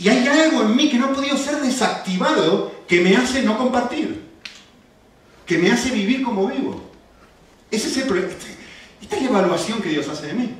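A middle-aged pastor with an Argentine Spanish accent preaches a sermon in a voice that sits a little high, telling animated stories and firing off rhetorical questions. He sounds far from the mic in an echoey room.

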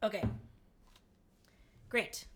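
A woman's voice: drawn-out words, a little hiss or hum. A woman co-hosting a podcast in casual chat, bubbly and playful with frequent giggles. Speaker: podcast co-host.

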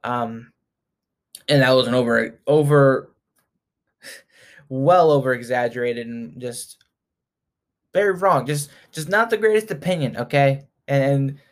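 A man's voice: medium pitch, unhurried, long pauses. A man in his early twenties, a sports fan vlogger talking casually, chatty and self-mocking, often laughing. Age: 20s.

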